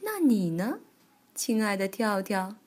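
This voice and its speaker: A woman doing a gentle grandmother bear. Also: mid-range voice, very animated, measured pace. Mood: teasing. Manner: soft, kindly, soothing.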